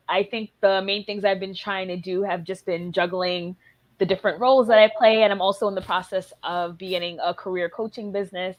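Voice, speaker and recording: A woman psychologist introducing herself on a panel video call, measured with some ums. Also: medium pitch. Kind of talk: casual online panel talk.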